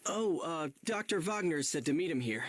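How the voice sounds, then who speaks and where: Man acting an earnest high-voiced young hero. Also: lively intonation, normal speed, a little hiss or hum, natural voice. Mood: evasive. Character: earnest young male time-travelling hero, thinking aloud. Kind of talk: video game voice acting. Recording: game music behind the voice.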